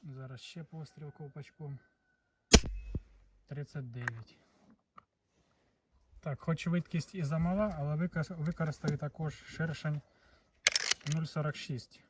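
A man with a Ukrainian accent and a slightly high, steady voice tests an air pistol in a casual hands-on vlog, speaking a little slowly with long pauses. He reads out the chronograph numbers matter-of-factly. The mic is distant and the background is noisy.

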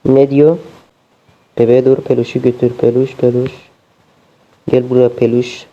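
A young man commentates a game as he plays it in a let's-play stream, swearing constantly and sounding exasperated. His medium-pitched voice is flat and at a normal speed, and the sound is dull and lo-fi.

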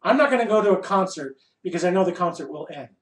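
A fairly high-voiced man, expressive and wry, gives an informal spiritual discourse to a group as their teacher, playfully asking rhetorical questions and answering them. He is emphatic, dividing his thoughts into short phrases with deliberate pauses. The room is echoey and his voice sits a little way from the microphone.

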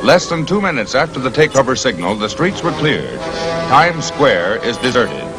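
A male announcer reads over an old newsreel, with a lively, rising and falling delivery. His voice sits mid-range, and loud music plays under the whole track. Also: mid-range voice, moderate pace. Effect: old newsreel sound. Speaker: newsreel narrator. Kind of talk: scripted newsreel narration.

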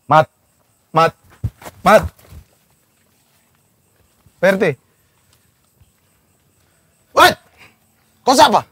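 Husky joking man in a comedy sketch. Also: sits high, very animated, extremely slow, long pauses, pushed and bright. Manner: joking, teasing, laughs often. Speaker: neighborhood guard.

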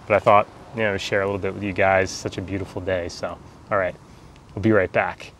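An American man in his forties chatting casually outdoors in an easygoing, halting way, like a reviewer talking to camera. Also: sits low, flat delivery, a bit bright, rough recording. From United States. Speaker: pipe tobacco reviewer. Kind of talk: casual video chat. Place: outdoors in a backyard garden. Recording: outdoor ambient background noise.

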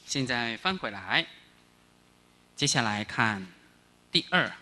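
A male Buddhist monk giving a sutra lecture, animated, chanting phrases slowly and quizzing the audience. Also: medium pitch. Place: lecture hall.

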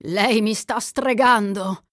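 A woman's voice: medium pitch, a little slow, dry recording, studio quality, close to an everyday voice. A woman voicing a gallant young gambler. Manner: smooth, gallant, flattering.

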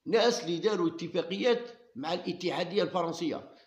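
A man's voice: sits high, fast talker, reverberant, highs cut off. A man with an Algerian Arabic accent hosting his own channel, talking defiantly and repeating his challenges. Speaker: YouTube channel host. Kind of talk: heated solo monologue to camera.

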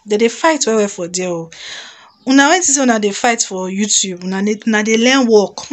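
This Nigerian woman, a vlogger in her thirties, talks to her phone camera from a small room at home. Her pitch sits fairly high as she spins a lively, exclamation-filled story in a relaxed, chatty manner.

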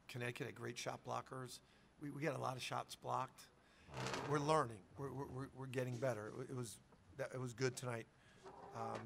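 A man's voice: mid-range voice, gravelly, a bit bright, a little hiss or hum. A middle-aged man, a head coach, answering questions at a post-game press conference, talking casually from a table mic and often restarting his sentences. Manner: conversational, repeats words when starting sentences. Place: press conference room with sponsor backdrop.

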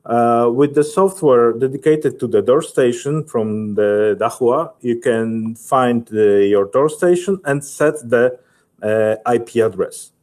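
A technical specialist in his thirties, speaking with a Polish accent at medium pitch, presents a software tutorial in a webinar. His delivery is halting and methodical.

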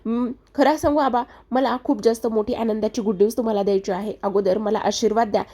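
A woman's voice: fairly high pitch, a little fast, lightly acted. A woman voicing an eager young man sharing good news. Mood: excited. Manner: excited, eager. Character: eager young man, thrilled about a job.

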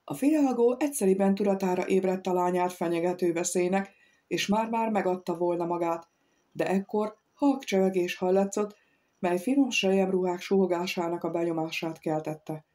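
A woman narrating a classic novel as an audiobook, in an even, clear storytelling manner. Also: fairly low pitch. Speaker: audiobook reader. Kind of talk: scripted narration.

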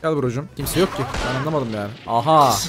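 A man giving live gameplay commentary as a gaming YouTuber, excitable and slangy, ranting at opponents and talking straight to his viewers. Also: medium pitch, fast talker, over music. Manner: excitable, rants and banters at opponents.

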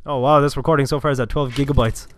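This Cork man hosts a gaming channel, offering casual, talkative commentary on a first-person shooter in his Irish accent, with the odd swear word. His voice is medium-pitched and steady in tone, delivered fast against game music and gunfire.

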